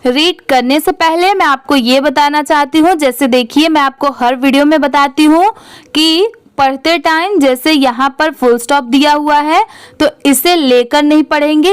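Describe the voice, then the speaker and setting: A woman's voice: high voice, no echo. A woman with an Indian accent teaching English reading, patiently spelling words out letter by letter and asking questions. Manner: reads English text very slowly, word by word. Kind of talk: slow spelled-out reading lesson.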